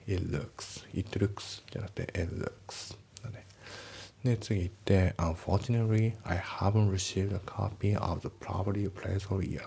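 A man giving a relaxed, step-by-step spoken English lesson, reading the sample sentences slowly. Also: deep voice, creaky, slight background noise. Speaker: English teacher.

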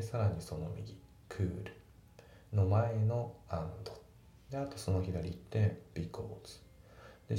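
A man teaching English grammar and pronunciation in a calm, methodical way, reading example sentences slowly. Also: low-pitched. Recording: echoey room with faint background noise.

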